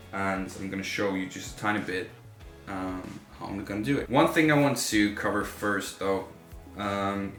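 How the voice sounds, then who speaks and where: Guy explaining vocal technique casually, lowish bright voice, informal, bit of room echo. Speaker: vocal coach, metal vocalist. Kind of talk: casual instructional talk to camera. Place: room with a home studio setup. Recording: roomy echo, faint music behind.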